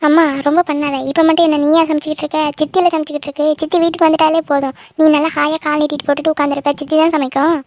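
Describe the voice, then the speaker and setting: A woman's voice: high-pitched, little pitch movement, very fast, darkish tone, slight background noise, lightly acted. A woman voicing a cheeky teenage schoolgirl who answers back to her mother in a cartoon. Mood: defiant.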